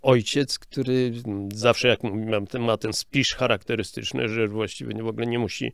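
A man's voice: fairly low pitch, steady tone, moderate pace, gravelly, clean tone, dry recording, studio quality. An older man, a film sound director, explaining his craft in an interview in a hesitant, explanatory way with frequent restarts. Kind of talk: casual interview talk.

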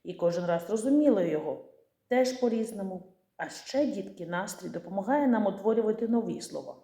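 Gentle woman teacher in an echoey room. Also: medium pitch, animated, brisk. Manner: gentle, patient, asks children questions then answers. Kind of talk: scripted lesson for young children.

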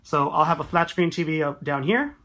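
Holding a phone camera inside a small wooden room, a man gives a casual, chatty vlog tour of his half-built tiny house, pointing things out along the way. His slightly high, sharp-toned voice is animated and fairly quick.

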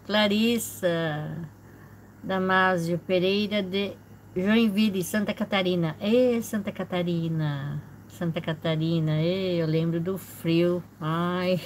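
Slow-talking woman greeting her live viewers. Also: lowish voice, fairly even intonation, a little hiss or hum, rough recording. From Brazil. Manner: slow, chatty, greets viewers by name with frequent small laughs. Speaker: livestream host. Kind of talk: casual live chat reading viewer comments. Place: indoor home room with a fish tank.

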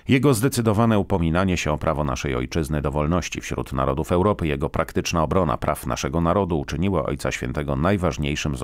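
A man's voice: rumbling low, no echo. A man reading a formal radio news bulletin in a studio. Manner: steady, formal newsreading.

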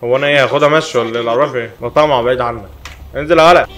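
A young man with an Egyptian accent, commenting jokily on his own gameplay and shouting back at the game characters. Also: medium pitch, very fast, slight background noise. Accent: Egyptian Arabic. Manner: joking, excitable, talks back to the game. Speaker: gaming YouTuber.

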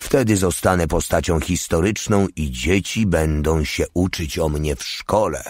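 A man's voice: deep voice, a little slow, a little mellow, no echo, clean studio sound. A man reading an audiobook voices a cheeky, lazy male soldier who talks in an offhand, insolent way. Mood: mocking.

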